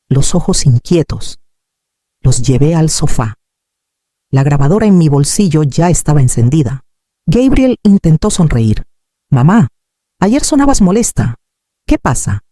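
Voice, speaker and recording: A man narrating a dramatic story in a slow, solemn, expressive way. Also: a little high, dry recording, clean studio sound.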